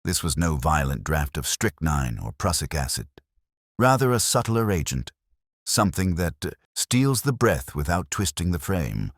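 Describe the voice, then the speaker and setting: In an audiobook mystery, a man with a very deep, animated voice plays the consulting detective Sherlock Holmes: brilliant, precise and commanding. He lays out every deduction formally and incisively, in a measured, authoritative tone, with heavy acting on a dry, studio-quality recording.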